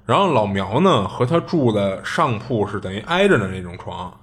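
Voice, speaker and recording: Low-voiced man telling a ghost story. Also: sing-song, moderate pace. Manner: chatty, colloquial, with many filler restarts. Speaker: podcast host.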